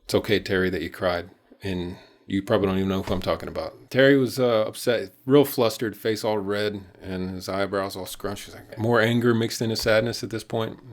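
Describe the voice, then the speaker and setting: A man's voice: lowish voice, fairly even intonation, a little fast. A man telling a childhood story in a casual, rambling way, chuckling at himself. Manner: chuckling, rambling and self-deprecating.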